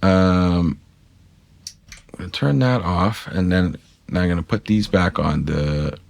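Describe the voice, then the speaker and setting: Low-voiced man talking through gear settings. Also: measured pace, vocal fry, no room sound. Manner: chatty, self-correcting, addresses viewers directly. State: talking with a pick in his mouth. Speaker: guitar gear tutorial maker. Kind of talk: casual screen-capture tutorial.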